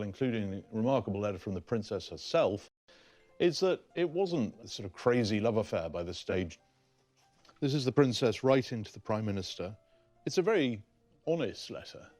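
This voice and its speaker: A man walks through historical papers, explaining them with emphasis. His voice is fairly low, with faint music behind him. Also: animated, brisk, darkish tone. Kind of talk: explanatory interview.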